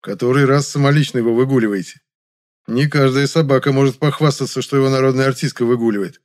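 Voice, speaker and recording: A man's voice: medium pitch, steady tone, fast, darkish tone, voice pushed up, natural voice. Casting: man as a sardonic young hero, slightly raised and firmer than the narration, dry wit. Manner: dry, sarcastic.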